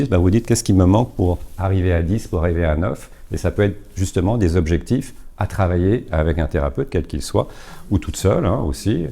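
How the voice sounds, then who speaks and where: A man's voice: deep voice, warm tone. A man giving an informal business coaching talk, explaining step by step with many fillers and repeated words.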